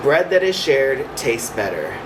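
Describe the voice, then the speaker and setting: A man reading a picture book to young children, voicing a calm, caring mother. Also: medium pitch, a little slow. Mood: caring, thoughtful. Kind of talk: storybook read-aloud for young children. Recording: distant mic, clear background hum.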